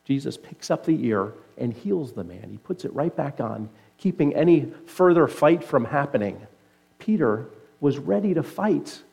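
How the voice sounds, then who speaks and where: An earnest male pastor delivering a sermon at a mid-range pitch. He retells scripture like a vivid story, and his voice falls low and quiet whenever he stresses the weight of a point. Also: very animated, normal speed, gravelly, husky. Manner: earnest preaching that drops low and soft for emphasis.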